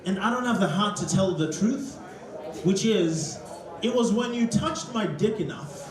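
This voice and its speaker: A man's voice: high-pitched, animated, unhurried. A man doing live stand-up comedy with a hesitant, self-amused delivery. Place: comedy club stage with audience. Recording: echoey club, loud crowd.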